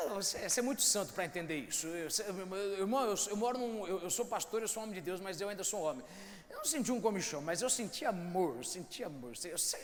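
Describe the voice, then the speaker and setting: A Brazilian man preaching a sermon as pastor, impassioned and swinging between quiet and loud. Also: a little high, a little hiss or hum. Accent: Brazilian Portuguese. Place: church hall. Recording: reverberant church hall with faint ambience.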